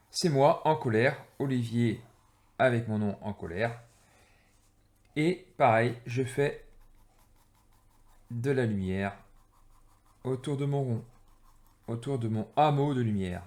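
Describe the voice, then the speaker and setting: A man teaching an energy-healing exercise while drawing, speaking haltingly with many pauses and fillers, tired and irritated. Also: mid-range voice, a little mellow. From France.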